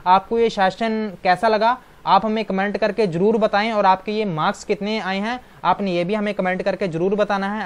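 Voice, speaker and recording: A man's voice: high voice, smooth. Male teacher explaining questions. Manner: explanatory, keeps adding "right?" tag questions. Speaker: exam-prep teacher. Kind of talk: online exam-prep lecture.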